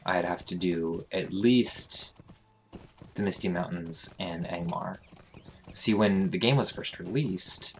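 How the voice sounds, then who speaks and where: A man's voice: low voice, slow, a little hiss or hum. A man hosting a let's play, casually commentating his game and thinking aloud with frequent fillers.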